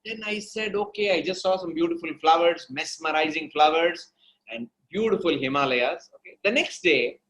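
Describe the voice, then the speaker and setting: On a rough recording, an interview guest who coaches storytelling talks with an Indian accent in a bit bright, slightly high voice at a moderate pace. His answers are conversational but emphatic, with repeated phrases and frequent check-ins with the listener.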